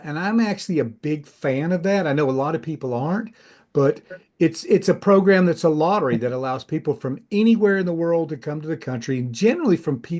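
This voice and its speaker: A man's voice: on the high side, darkish tone. An older man, a retired immigration officer, hosting a casual interview over a video call, chatty and full of restarts. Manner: chatty, many restarts and asides.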